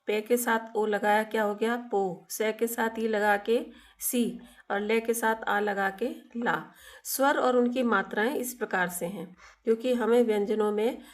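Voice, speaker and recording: A woman teaching a class in a slow, unhurried way. Her voice sits a little high. She poses questions to the children, answers them herself, and stretches out each sound as she explains. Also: fairly even intonation. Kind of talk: classroom grammar lesson.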